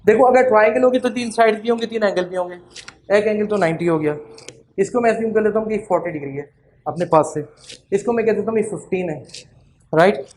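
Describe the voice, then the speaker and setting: A man giving a classroom maths lecture, often asking the students questions and slowing down to spell out formulas. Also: sits high, darkish tone, slight background noise, low-quality recording. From Pakistan. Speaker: maths teacher.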